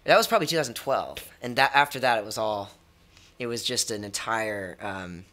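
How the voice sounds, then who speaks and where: A young American man, interviewed as a musician, talks casually at a stand microphone in an indoor music studio. His lowish voice is animated, bright and forceful, a little fast, and his speech is informal, hesitant and repetitive.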